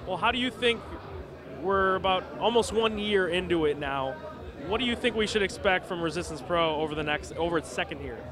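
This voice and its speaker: Male wrestling-show interviewer, high-pitched, casual and conversational, with crowd and street noise behind. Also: expressive, fairly quick. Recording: outdoor urban crowd and traffic noise.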